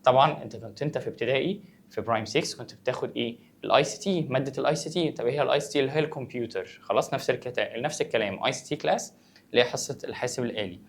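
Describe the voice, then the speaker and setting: A man's voice: medium pitch, very fast, vocal fry, slight background noise. A male English teacher with an Egyptian Arabic accent, going through vocabulary and asking and answering his own questions in a conversational way. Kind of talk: vocabulary lesson for students.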